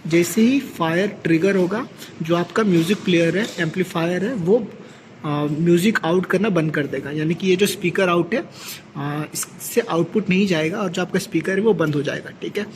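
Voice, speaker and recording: Speaking at a normal speed in a high-pitched voice, a man with an Indian accent works through an equipment tutorial step by step as a technician. He frequently adds a brief check-in tag, and the amateur recording picks up plenty of ambient noise.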